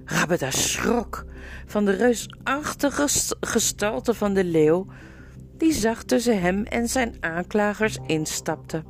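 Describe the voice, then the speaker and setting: A woman reading a children's novel aloud with expressive, lively storytelling. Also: mid-range voice, takes it slowly, gravelly, soft background music. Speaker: storybook narrator.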